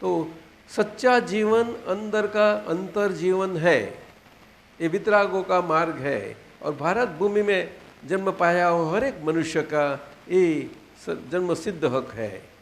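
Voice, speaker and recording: A man in his eighties with a Gujarati accent, giving an unhurried spiritual discourse to disciples, repeating phrases and checking that they understand. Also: sits high, gravelly, slight background noise. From Gujarat, India. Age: 80s. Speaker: spiritual teacher. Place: satsang gathering hall.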